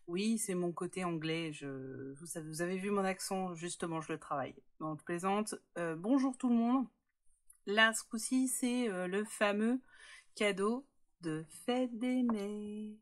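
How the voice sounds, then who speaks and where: A woman's voice: lowish voice, normal speed. A woman hosting a casual scrapbooking tutorial, chatty and joking, with many hesitations as she shows her work.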